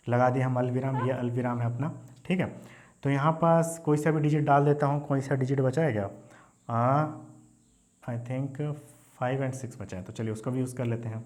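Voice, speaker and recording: A man's voice: mid-range voice, darkish tone. A man teaching a maths lesson in Hindi, mixing in English terms and often checking in with "okay?". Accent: Hindi, Indian. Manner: repeats "ठीक है" and "है ना" as check-ins, mixes English terms into Hindi. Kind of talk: classroom lesson explaining number places.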